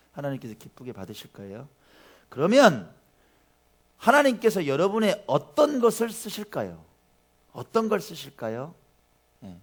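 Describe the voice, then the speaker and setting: A man preaching a conversational Sunday sermon as a pastor in a church, asking the congregation questions and telling personal stories. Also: medium pitch. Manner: chatty, addresses the congregation directly with questions; tells personal anecdotes in a lively, informal way. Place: church sanctuary.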